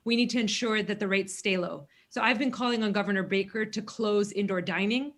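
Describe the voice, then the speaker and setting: A woman's voice: medium pitch, steady tone, fairly quick. A woman in her thirties from Greece, a congressional candidate answering questions earnestly in a virtual forum, with frequent fillers. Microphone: video call.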